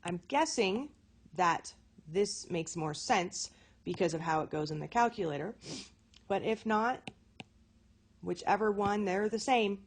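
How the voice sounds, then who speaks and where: A woman's voice: mid-range voice, a little slow, long pauses. A woman teaching a recorded math lesson. She talks in a chatty way, often corrects herself and checks in with "okay?".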